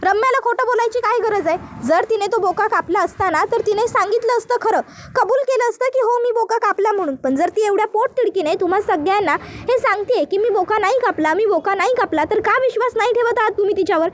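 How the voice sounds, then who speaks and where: A woman's voice: very high-pitched, quick pace, pitched above the performer's own voice. A woman voicing a sly woman who argues insistently and dismissively.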